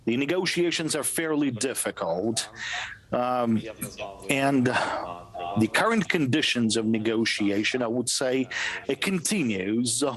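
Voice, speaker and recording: A man interpreting live as a translation voice-over, halting and repeating words with fillers between phrases. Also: medium pitch, animated, a bit bright, rough recording. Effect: live translation voice-over of an interview answer. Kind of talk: simultaneous interpretation.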